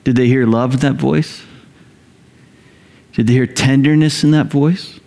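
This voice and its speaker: A man preaching a sermon, telling the story in a conversational, animated way, rising loud and high when excited and dropping low and quiet to reflect. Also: unhurried, vocal fry. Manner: conversational fillers and repeated phrases. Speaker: pastor.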